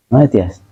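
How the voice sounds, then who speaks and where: A man teaching a religious study class, reciting Arabic phrases slowly and then translating and explaining them. He talks casually to his students and calls on them by name. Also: mid-range voice, mellow, husky, dry recording. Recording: slightly dull, dry, lo-fi recording.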